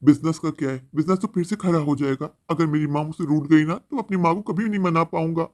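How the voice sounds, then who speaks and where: A man's voice: fairly high pitch, fast talker, darkish tone, natural voice. A man voicing a remorseful grown son who speaks in an earnest, pleading way. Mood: resolute.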